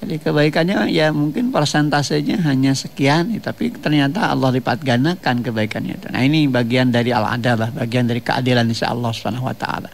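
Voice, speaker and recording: A man preaching a radio sermon in a measured, explanatory way, often repeating phrases and ending them with tag questions. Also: medium pitch, creaky. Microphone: radio studio microphone.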